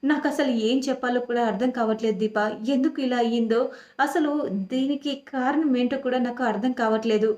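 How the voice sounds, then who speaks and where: A woman's voice: on the high side, fairly even intonation, brisk, a little mellow, lo-fi sound, natural voice. A woman voicing a worried young husband in a TV serial recap, strained and trying to reassure. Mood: strained, reassuring. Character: worried young husband hiding bad news. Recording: echoey room.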